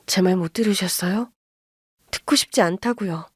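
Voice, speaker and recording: A woman's voice: medium pitch, normal speed, husky, no echo, studio quality, natural voice. A woman voicing a middle-aged mother who speaks coldly and bursts into anger. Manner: cold, then furious outbursts.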